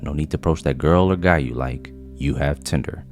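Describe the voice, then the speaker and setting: Very deep-voiced male narrator. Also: a little fast. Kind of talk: scripted video-essay narration. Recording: faint music behind voice.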